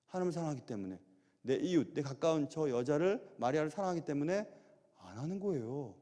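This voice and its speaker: A middle-aged man preaching a sermon as pastor, animated and full of rhetorical questions. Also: on the high side, fast. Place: large church sanctuary. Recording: long church hall reverb.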